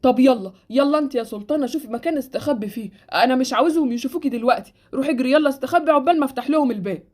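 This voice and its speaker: A woman's voice: high-pitched, rapid-fire, a little mellow. Woman doing a sleepy old Egyptian orphanage keeper. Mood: fussing. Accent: Egyptian Arabic.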